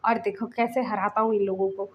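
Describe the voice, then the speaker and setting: A woman voicing a calm, gentle young male student who soothes others. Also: mid-range voice, brisk, lo-fi sound, slight background noise, natural voice.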